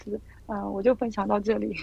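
A woman's voice: mid-range voice, level tone, a little fast, gravelly, a little mellow, breathy edge, lo-fi sound. A woman guest sharing a personal testimony in a casual Bible study, telling it as a story with many fillers.

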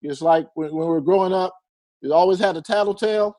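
A male preacher with a notably high voice who reads scripture aloud and then breaks into relaxed, excited commentary. His delivery is casual and personal rather than formal. The sound is close and dry, with little room echo. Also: fast talker. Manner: conversational, reads verses then comments with enthusiasm. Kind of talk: sermon reading and explaining scripture.

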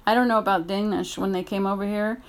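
A woman ranting late at night in a blunt, angry voice. She talks at a middling pitch and swears freely. She swings between low, tired stretches and loud, heated outbursts. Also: fairly even intonation, fast. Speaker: audio blogger. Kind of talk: late-night personal rant.

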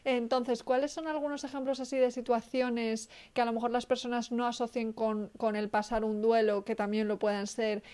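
Woman interviewer, measured and careful questioning, somewhat high voice. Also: level tone, darkish tone, clear, resonant tone.

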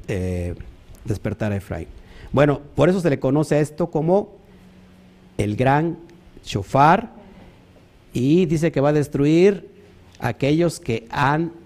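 A man preaching a sermon, animated, asking rhetorical questions and mimicking other people. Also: medium pitch.

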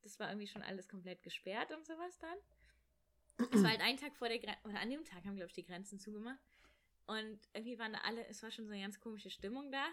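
A young woman in casual chat, telling a travel story in an animated way and acting out the voices of people in it. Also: medium pitch. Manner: animated, rushed, acts out quoted voices. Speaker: storyteller guest.

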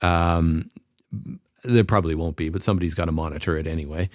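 A man's voice: sits low, fairly even intonation, quick pace, a little mellow, no echo, clean studio sound. A tired man co-hosting a podcast, chatting casually and rambling with lots of fillers. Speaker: podcast co-host. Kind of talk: casual chat.

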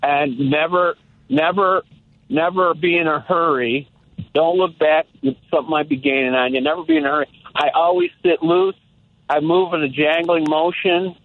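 A man's voice: a little high, big pitch swings, moderate pace, creaky, no echo. A man in his sixties calling in to a talk show, chatting casually and reflectively, with many restarts. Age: 60s. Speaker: caller. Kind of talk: casual phone-in chat. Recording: tinny phone line.

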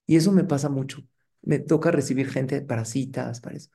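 A middle-aged man, a rabbi giving a lively sermon and putting rhetorical questions to his congregation. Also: mid-range voice, brisk, gravelly. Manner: engaging, asks the audience rhetorical questions.

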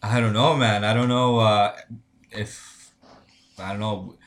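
A young Honduran man, a Spanish speaker with a Spanish accent, chats loosely as a podcast guest, laid-back and laughing often while saying "bro" a lot. His voice sits on the low side with fairly even intonation, slow and a bit bright.

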